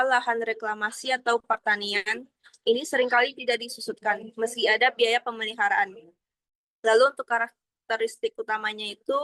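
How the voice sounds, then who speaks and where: A young adult woman walks through accounting material in a formal student presentation, partly reading slides aloud. She has a fairly high pitch and fairly bright tone, captured in a dry, rough recording.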